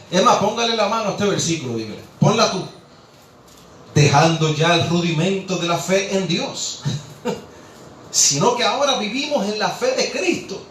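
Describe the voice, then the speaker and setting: A man's voice: sits high, a bit bright, a little hiss or hum. A man preaching a sermon, impassioned, rhetorical and scolding. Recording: echoey room, distant mic, faint ambience.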